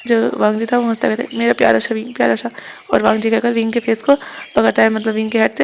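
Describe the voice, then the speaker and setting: A woman narrating a fan fiction story quickly, often restarting her sentences. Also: on the high side, creaky, a little mellow, slight background noise. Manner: rapid, with frequent restarts.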